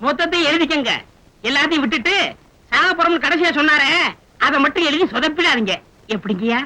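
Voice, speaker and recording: An actor playing a fawning male flunky who flatters his boss in a shrill, eager way. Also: quick pace, no room sound, exaggerated voice, rough recording. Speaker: sidekick. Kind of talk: film dialogue.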